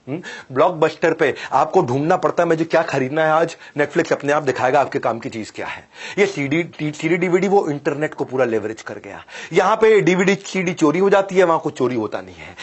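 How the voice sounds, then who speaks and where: A man giving a motivational business lecture, emphatic and repetitive, swinging from loud declarations to low, dropped phrases and often telling the listeners to listen. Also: breathy edge. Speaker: business coach.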